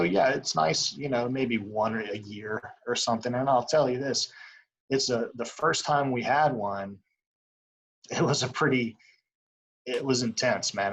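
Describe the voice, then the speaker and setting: A young man in a casual interview as an umpire, talking in a rambling, halting way full of filler phrases. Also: lowish voice, fairly bright tone, slight background noise, low-quality recording. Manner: rambling, halting, frequent "you know". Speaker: baseball umpire as interview guest. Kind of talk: casual chat.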